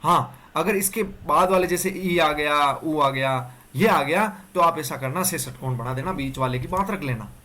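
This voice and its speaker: A man's voice: fairly high pitch, a little slow, hardly any pauses, sharp tone. A man giving an exam-prep Hindi grammar lecture, explaining step by step and often checking in with the class. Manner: explains step by step with repeated "dekho" and "theek hai".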